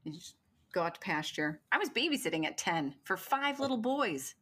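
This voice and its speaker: A woman's voice: fairly low pitch, very animated, normal speed, a bit bright, husky. A woman from Michigan with a strong Great Lakes accent, hosting a casual podcast interview in a playful, teasing way. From Michigan, USA. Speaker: podcast host.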